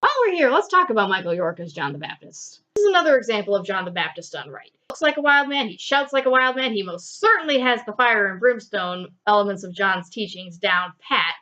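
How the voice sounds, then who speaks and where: A woman co-hosting a casual film review, animated with playful asides, in a dull lo-fi recording. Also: mid-range voice, fairly quick, hardly any pauses.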